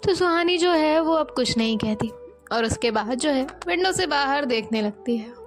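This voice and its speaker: A woman's voice: sits high, expressive, moderate pace, soft background music. A woman narrating a romance story in a loose, chatty retelling with many repeated fillers.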